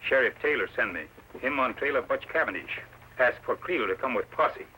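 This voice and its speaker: Tonto, terse, piercingly bright-voiced loyal companion. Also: male voice, medium pitch, expressive, normal speed. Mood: firm, urgent. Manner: terse, clipped broken English. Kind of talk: old-time radio western acting. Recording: tinny, faintly noisy old radio recording.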